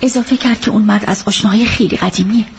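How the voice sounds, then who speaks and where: A woman's voice: medium pitch, creaky, background noise, close to an everyday voice. An actress playing an earnest female witness who carefully recounts a night's events to a detective, in a radio drama dub. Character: earnest female witness, loyal to her friend. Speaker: witness giving a statement.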